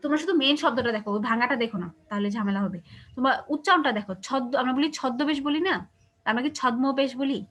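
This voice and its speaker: A woman's voice: high voice, rapid-fire, a bit bright. A woman teacher explaining a grammar lesson to her class, patiently asking whether they follow. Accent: Bangladeshi Bengali. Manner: explains patiently, asks checking questions. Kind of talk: online class lecture.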